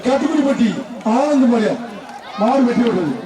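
A man with a very high, keyed-up voice barks out announcements through a loudspeaker, heard echoing from far across an open arena. A roaring crowd and heavy noise surge behind him as he calls out bulls and warns the tamers. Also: a little fast. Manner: excitable, calling out bull names and warnings to tamers. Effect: through a loudspeaker system. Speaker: bull-taming event announcer. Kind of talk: live event commentary over a loudspeaker. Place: outdoor festival arena. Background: loud cheering crowd and noise.

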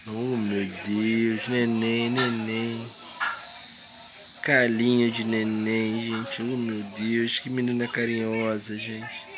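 Um homem com sotaque brasileiro, filmando o bebê com o celular num quarto pequeno e falando com ele em tom carinhoso e arrastado. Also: male voice, mid-range voice, level tone. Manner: doting baby talk, drawn-out words, playful questions. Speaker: parent filming his baby. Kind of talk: casual home video. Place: small bedroom indoors. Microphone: handheld phone camera, speaker behind it.

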